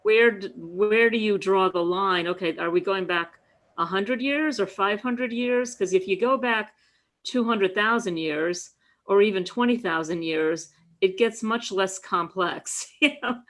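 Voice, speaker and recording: A woman's voice: medium pitch, unhurried, a bit bright. Woman, wry and conversational. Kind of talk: casual group discussion.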